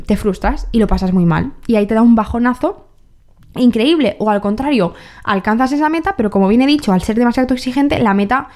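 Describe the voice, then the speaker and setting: A woman's voice: on the high side, darkish tone. A young woman hosting a podcast, musing candidly in a personal monologue, often correcting herself and asking rhetorical questions. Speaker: podcast host.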